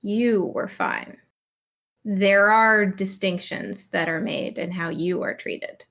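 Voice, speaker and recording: Slow, measured woman. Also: fairly low pitch, vocal fry, a bit bright. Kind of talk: candid conversation.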